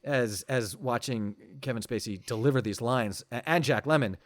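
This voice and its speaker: A man's voice: mid-range voice, moderate pace, no echo. A man in his forties, a podcast guest, talking with enthusiasm and many stammering restarts in casual conversation.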